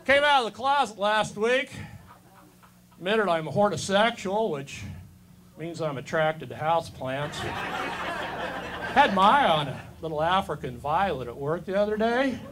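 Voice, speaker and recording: A man's voice: high-pitched, animated, normal speed, long pauses, background noise. A man in his fifties performing a stand-up set, delivering dry, self-deprecating one-liners on a comedy club stage. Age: 50s.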